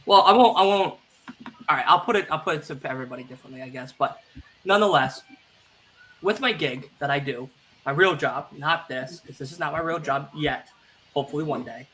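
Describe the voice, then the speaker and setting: A man chats loosely on a streamed podcast, circling back with fillers and restarts and poking fun at himself. His voice sits a little high and sounds very bright. A faint hiss runs under the stream. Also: a little fast. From Italian family background. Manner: rambling, self-deprecating, many fillers and restarts. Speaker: podcast co-host. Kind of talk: casual chat.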